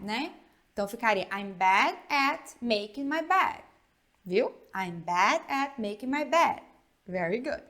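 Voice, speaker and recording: A woman with a Brazilian Portuguese accent teaching an online English grammar lesson, slowly modeling example phrases and checking in often with her students. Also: on the high side.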